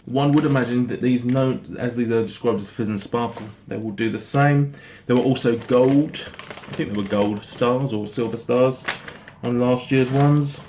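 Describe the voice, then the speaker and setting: Man, casual product review, mid-pitched voice, halting and repetitive delivery, noticeable background noise. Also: a little mellow. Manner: halting, rambling, repeats himself. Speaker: snack reviewer.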